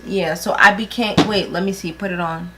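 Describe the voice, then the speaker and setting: A woman's voice: lowish voice, steady tone, moderate pace. Tipsy giggly girl in her 20s, teasing and blunt, casual vlog chat, some room noise. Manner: blunt, teasing, swears freely. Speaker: vlogger doing a makeup challenge. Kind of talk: casual chat while applying makeup.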